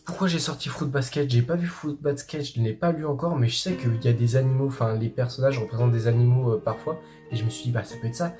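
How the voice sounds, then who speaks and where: A man's voice: mid-range voice, steady tone, fast talker, over music. A man giving casual, chatty commentary while guessing a quiz, with many fillers and playful self-praise. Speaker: YouTuber playing a manga quiz.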